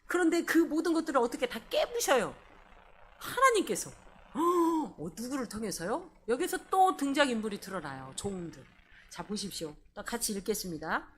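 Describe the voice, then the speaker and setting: A woman pastor preaching a sermon, animated and asking the congregation questions. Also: fairly high pitch, moderate pace, a little hiss or hum. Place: church service.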